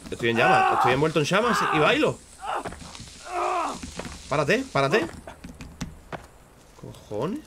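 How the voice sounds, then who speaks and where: A man's voice: big pitch swings, normal speed, pauses often, very noisy. Swearing man streaming a game. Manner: casual, swearing, bursts into loud high shouts when startled. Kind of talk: live gameplay commentary.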